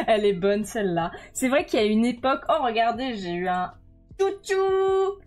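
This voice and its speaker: A woman's voice: a little high, very animated, normal speed, a little mellow. A woman streaming live, chatting casually and playfully with her viewers as she reads the chat aloud. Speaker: streamer drawing commissions live. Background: faint music.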